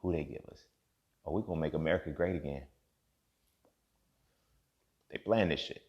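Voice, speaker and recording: A man in his thirties giving a profane, impassioned monologue as a podcast host, swinging from low muttering to loud outbursts. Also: moderate pace, highs cut off. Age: 30s.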